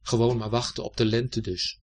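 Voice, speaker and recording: A man reading a children's story aloud in a gentle, expressive way. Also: mid-range voice, normal speed.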